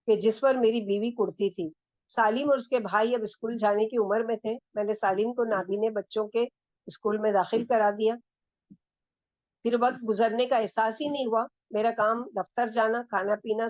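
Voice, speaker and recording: A woman's voice: fairly high pitch, a little mellow, no room sound. Woman teacher telling a moral story. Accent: Pakistani Urdu. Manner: reads a first-person story aloud, pausing to ask the listeners. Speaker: Islamic teacher. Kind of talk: storytelling lecture. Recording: dull, dry lo-fi recording.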